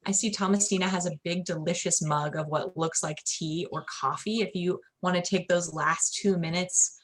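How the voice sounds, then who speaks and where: A woman with a somewhat low voice hosts an online gathering. She sounds upbeat and welcoming. The sound comes through a video call. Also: fairly even intonation, moderate pace. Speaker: event host.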